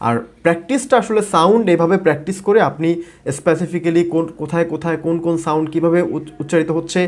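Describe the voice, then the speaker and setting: Fast-talking male pronunciation teacher. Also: fairly high pitch, fairly even intonation. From Bangladesh. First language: Bengali. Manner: fast, repetitive teaching with fillers and modeled words. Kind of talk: explanatory video lesson.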